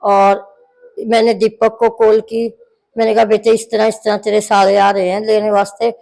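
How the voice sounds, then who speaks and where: Middle-aged woman, mid-range pitch, interviewee, long narration with quoted dialogue. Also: flat delivery, moderate pace, gravelly, warm tone, rough recording. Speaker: interviewee, mother-in-law. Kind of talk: recounting a family quarrel.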